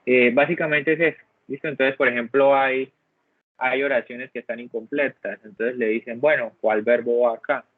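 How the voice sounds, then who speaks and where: Over a video call, a man teaches an online English grammar lesson, going patiently step by step and regularly checking in with the class, often asking "¿listo?". His voice is mid-range, with fairly even intonation and a normal speed. The audio is dry and phone-like, with no echo.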